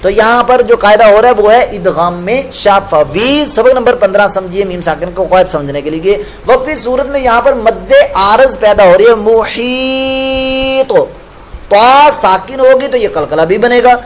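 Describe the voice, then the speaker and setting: A man with a notably high voice for a male teacher leads a recitation lesson. He explains each point patiently and slowly chants the verses he corrects. A faint hiss sits under his voice. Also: animated. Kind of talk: tajweed lesson with recited examples.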